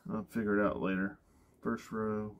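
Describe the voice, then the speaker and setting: A man with a lowish voice and flat delivery speaks at normal speed while unpacking boxes inside a cargo trailer. He is a storage-unit reseller, thinking aloud in an offhand manner full of fillers, and his body-mounted camera captures noisy audio.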